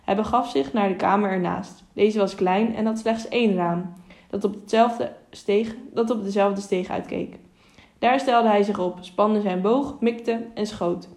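A woman narrating an audiobook in a steady, measured reading voice, with small self-corrections. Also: medium pitch. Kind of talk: storybook narration.

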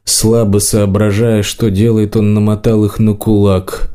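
A man narrating a fantasy audiobook in an even, measured reading. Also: fairly low pitch. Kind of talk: scripted narration.

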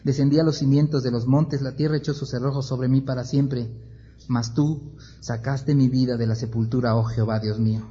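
Man, Bible class teacher, animated storytelling, rhetorical questions, mellow dark tone, dull lo-fi sound. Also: medium pitch, normal speed, a little hiss or hum.

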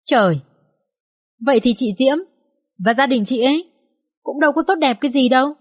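A woman voicing a young student daughter who calmly pleads with her parents. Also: high-pitched, moderate pace, pitched above the performer's own voice. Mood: pleading reasoning. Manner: gentle, reasoning.

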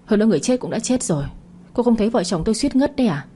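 A woman's voice: a little high, big pitch swings, racing, warm tone, husky, pitched above the performer's own voice. A woman voicing a scheming, greedy middle-aged husband who blusters and gets defensive, in a storybook narration. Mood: blustering.

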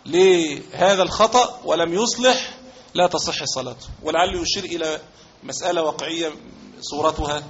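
A man with an Egyptian accent gives a classroom-style religious lesson in a fairly high voice. He reads lines from a legal text and then unpacks them, repeating phrases and offering examples. The recording sounds dull and lo-fi. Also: normal speed, pauses often, fairly bright tone. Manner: reads a passage aloud, then explains it with repetition and examples. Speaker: religious teacher.

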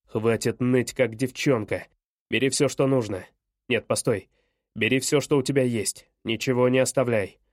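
A man's voice: mid-range voice, fairly even intonation, moderate pace, no room sound, studio quality, pitched below the performer's own voice, natural voice. A man voicing a harsh, angry father who barks curt orders in an audiobook. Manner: barking, curt.

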